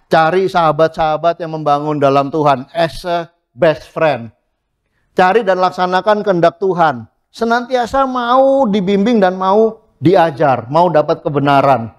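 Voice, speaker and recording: A middle-aged pastor delivers a sermon in church with a high, light voice. His style is lively and casual; he slips in English words and acts out the people he quotes.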